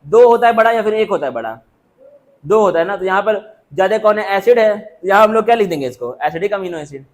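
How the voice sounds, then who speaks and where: High-pitched guy teaching a classroom, asks a question every line, jokes with the kids. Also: expressive, fast. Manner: constant rhetorical questions, call-and-response drilling; jokey, teases and calls on students. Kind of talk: classroom lecture. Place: classroom with students.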